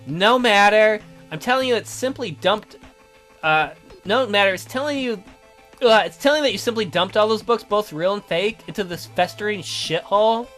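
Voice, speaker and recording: A man plays a resentful young prisoner trapped in a boy's body for a visual novel reading, his high, widely swinging voice a bit bright over game music. Scornful, sarcastic and theatrical, he accuses and complains throughout.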